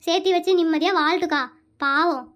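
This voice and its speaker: A performer voicing a chatty, caring village woman in an animated comedy who exclaims and keeps calling the other woman "akka". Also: extremely high pitch, fairly quick, lo-fi sound. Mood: indignant.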